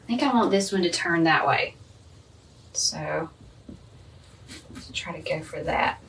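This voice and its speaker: A woman's voice: on the low side, unhurried, a bit bright. A woman teaching a live painting lesson, chatting and thinking aloud as she paints. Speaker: art teacher. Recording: from a distance, faint room noise.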